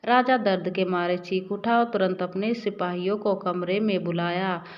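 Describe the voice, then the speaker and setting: A woman narrating a moral story in a measured, scripted reading, in a slightly muffled recording. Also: fairly low pitch, fairly even intonation.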